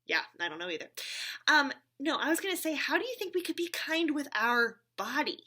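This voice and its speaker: With a high voice, big pitch swings, and a brisk pace, a woman sounds pushed and bright as she talks to a puppet friend. It's a church story time for small children, and she keeps her words simple and encouraging, regularly checking in with questions.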